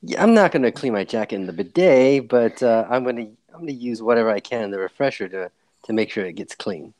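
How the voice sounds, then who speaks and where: A male player in a tabletop game, casually describing his character's actions at a slow pace with many fillers. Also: mid-range voice, expressive, a little mellow. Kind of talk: casual chat.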